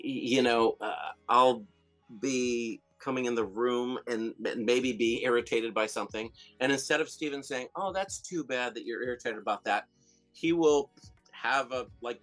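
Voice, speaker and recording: A man guest in a casual interview, telling stories animatedly, with lots of restarts, fillers and laughter. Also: mid-range voice. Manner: rambling, with many restarts and fillers; animated storyteller who laughs often. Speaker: filmmaker and comedian guest.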